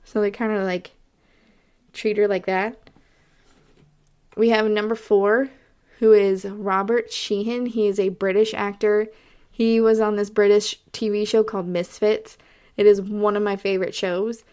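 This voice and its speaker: A woman's voice: medium pitch, level tone, unhurried, darkish tone, smooth. Chatty Texan woman podcaster. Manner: chatty, rambling, lots of fillers. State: has the hiccups. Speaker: podcast host. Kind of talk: casual solo podcast review.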